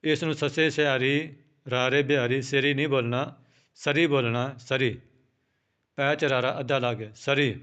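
A man teaching scripture pronunciation, spelling out each word letter by letter and repeating it slowly. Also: mid-range voice, steady tone, a bit bright, clean tone. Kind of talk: slow, careful recitation lesson.

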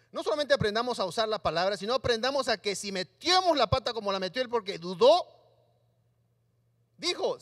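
A man's voice: extremely high pitch, fairly bright tone. A man preaching a sermon in a church hall, acting out voices of Bible figures for the congregation. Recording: live stream in a reverberant hall.

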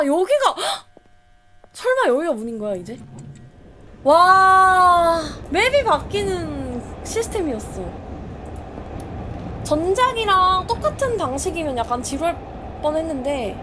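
High-voiced excitable woman streamer. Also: unhurried, pauses often, slight background noise. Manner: jumpy, shrieks and exclaims when startled. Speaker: game streamer. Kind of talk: live gameplay commentary.

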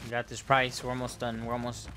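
A man's voice: mid-range voice, completely flat delivery, fast. A man giving casual commentary while recording a video game walkthrough. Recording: gunfire and game noise behind.

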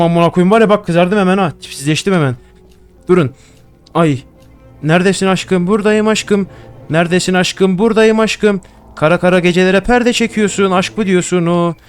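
A young man commenting on a horror game he plays at home. He gets jumpy, swears a lot and chats to the objects he finds. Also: sits high. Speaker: gaming YouTuber. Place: home room.

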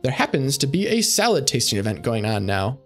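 A man's voice: medium pitch, big pitch swings, a little fast, soft background music. A man voicing a cheerful, welcoming young woman who runs a restaurant in a game.

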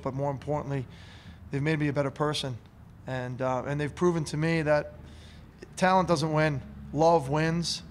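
At a postgame press conference, a head coach in his thirties speaks earnestly and emotionally, often repeating words, in a fairly high voice. He sits in a press room in front of a curtain, talking into a table mic on a stand. There is slight background noise.

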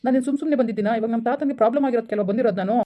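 A woman's voice: on the high side, racing, natural voice. A woman acting a young man who apologetically pleads with his girlfriend in a village skit. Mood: pleading. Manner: pleading, explaining over and over. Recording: tinny phone-line sound.

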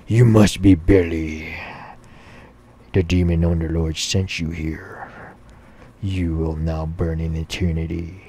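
A man voicing a menacing male devil who speaks in slow, booming pronouncements. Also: fairly even intonation, dark tone, slight background noise.

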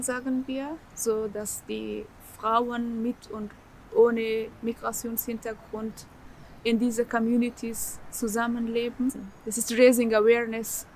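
A woman speaks slightly high and halting, filling pauses while she hunts for the next word. She is interviewed outdoors in a garden, with a faint hiss of open air behind her. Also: poor audio. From Afghanistan. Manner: searching for words, frequent fillers and restarts. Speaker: co-founder of the association. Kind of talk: interview answers to camera. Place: outdoors in a garden by leafy plants.

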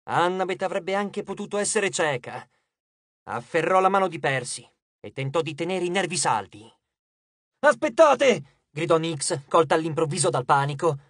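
An audiobook narrator reading a scripted fantasy chapter with animated storytelling. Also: medium pitch, moderate pace, no room sound, studio quality.

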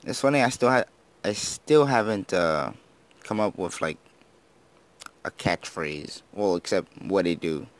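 Low-voiced teenage boy gaming vlogger. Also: expressive, a little slow, pauses often. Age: teens. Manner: rambling, self-deprecating, slurs words. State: just woken up. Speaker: gaming YouTuber. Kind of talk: casual gameplay commentary.

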